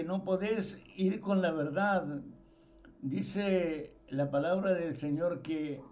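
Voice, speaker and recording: Slow, emphatic preacher with a high voice. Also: male voice, darkish tone. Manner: slow, emphatic, repeats words for stress. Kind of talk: informal sermon. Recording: dull lo-fi sound.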